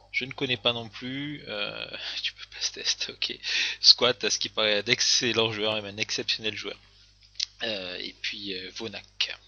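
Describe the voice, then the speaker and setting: Bright-toned man, hesitant game commentary. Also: fairly low pitch, dull audio. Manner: hesitant, many fillers and restarts. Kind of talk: casual commentary on game replays.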